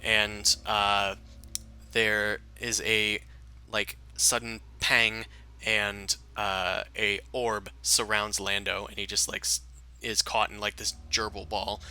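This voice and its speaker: A man's voice: on the low side, little pitch movement, takes it slowly, pushed and bright, clean tone. A man working as game master, improvising tabletop game narration in an informal, descriptive way.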